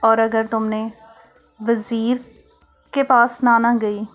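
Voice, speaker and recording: A woman reading as a calm fatherly man. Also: fairly high pitch, slow pace. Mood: gentle. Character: gentle fatherly middle-aged man advising his daughter. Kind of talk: storybook reading. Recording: soft music underneath.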